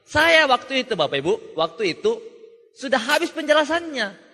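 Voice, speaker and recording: A young man telling a joking, animated story at a motivational seminar, acting out the voices of people he quotes. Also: very high voice, moderate pace. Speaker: motivational speaker. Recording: reverberant hall.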